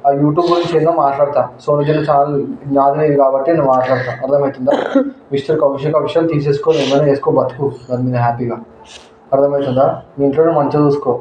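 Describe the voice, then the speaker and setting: A man turns someone down in a cold, insistent tone, firing off his words quickly. The recording is roomy and slightly dull, with faint background noise. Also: mid-range voice, steady tone, darkish tone. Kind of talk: emotional scripted skit.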